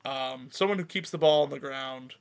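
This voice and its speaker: A man's voice: mid-range voice, normal speed, gravelly, clear, resonant tone. A young man co-hosting a baseball podcast, chatting casually, reeling off stats and poking fun at himself. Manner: chatty, self-deprecating, rattles off stats. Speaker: podcast co-host. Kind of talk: casual sports podcast chat.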